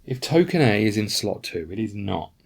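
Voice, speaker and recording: Low male voice, relaxed host of a solo board game playthrough who reads the rules and thinks aloud. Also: normal speed, vocal fry. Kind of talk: casual tabletop playthrough.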